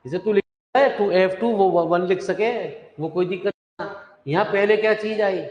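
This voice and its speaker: A man's voice: high voice, moderate pace. A male math teacher, lecturing in a chatty way and calling the students "dear children". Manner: chatty, calls students "dear children", mixes English terms. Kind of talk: classroom lecture. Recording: echoey, dull classroom recording.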